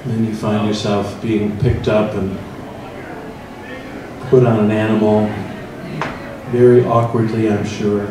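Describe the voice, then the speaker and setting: Guiding a meditation and interactive forum, a middle-aged priest with a low-leaning voice and a Midwestern American accent speaks slowly and reflectively, addressing listeners as "you." The large church hall, set with tables of people, makes his voice echo heavily off the walls. He's filmed on a handheld mic from far across the room, with steady room noise beneath him.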